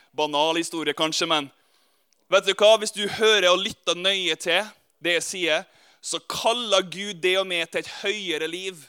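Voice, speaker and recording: High, bright-voiced male preacher. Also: clean tone. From Norway. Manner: lively, speaks directly to listeners. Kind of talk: sermon with storytelling.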